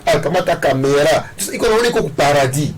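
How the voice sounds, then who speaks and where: This interviewed political candidate has a fairly high, expressive voice and a quick pace. With his Congolese accent, he alternates Swahili and French, repeating phrases in a forceful, self-assured manner while noticeable background noise runs underneath.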